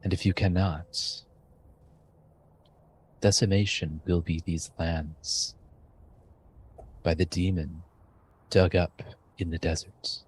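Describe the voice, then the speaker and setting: A man's voice: sits low, little pitch movement, a little mellow, breathy edge, full character voice. A man doing a grave blind shaman. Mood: solemn. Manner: slow, grave, measured delivery.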